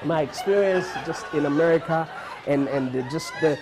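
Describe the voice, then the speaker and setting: A man's voice: on the high side, moderate pace. A man from Uganda performing a stand-up comedy set, telling stories and acting out other people's voices. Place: live comedy stage with audience. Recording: live room with crowd noise. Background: audience laughter and crowd noise.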